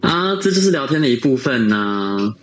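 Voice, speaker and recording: A man's voice: medium pitch, big pitch swings, normal speed. A man with a Taiwanese Mandarin accent hosts a casual chat on an overseas call, playfully teasing and making mock announcements to listeners. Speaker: podcast host. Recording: overseas call, faint music behind.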